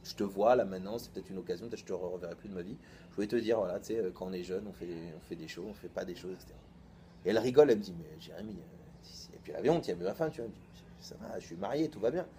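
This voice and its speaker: A rabbi in his thirties with a fairly low voice tells a personal story in a loose, colloquial sermon. He slips into the other speakers' lines as he goes, animated and chatty, and a faint hiss runs behind him. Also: rapid-fire. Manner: colloquial, lively, acts out both sides of a dialogue.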